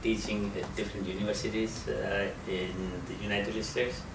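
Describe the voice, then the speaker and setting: A middle-aged man from Nepal with a Nepali accent, answering interview questions in a halting way with many fillers. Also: fairly low pitch, level tone. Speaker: interviewee, geography professor. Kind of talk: conversational interview. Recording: roomy and distant, with loud background noise.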